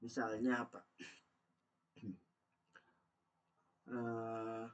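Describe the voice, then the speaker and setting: A man's voice: medium pitch, completely flat delivery, drawn-out words, lo-fi sound. A man teaching a Mandarin vocabulary lesson. He talks patiently, repeats each word and asks his learners questions. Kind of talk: online language lesson.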